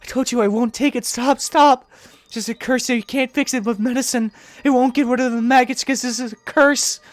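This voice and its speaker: Voicing all the roles in a visual novel let's play, a man speaks as a teenage girl coming apart under a curse, his near-everyday voice raised a little in pitch. Her lines form a frantic, pleading loop of repeated words, delivered briskly and dramatically with no room sound.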